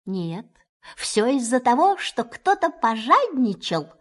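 A woman's voice: high-pitched, big pitch swings, a little slow, pitched above the performer's own voice. Lady doing a prim stern rabbit guy, fussy and proper, voice jumps around. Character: prim clever male rabbit, polite but stern.

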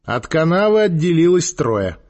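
A man reading a story aloud with expressive narration, voicing the characters. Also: a little high, normal speed. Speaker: audiobook reader. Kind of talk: scripted narration.

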